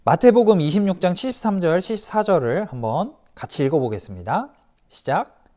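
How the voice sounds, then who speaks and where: A man giving a children's sermon as pastor, telling the story in a lively way, asking the kids questions and acting out the quoted voices. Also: sits high, a little fast.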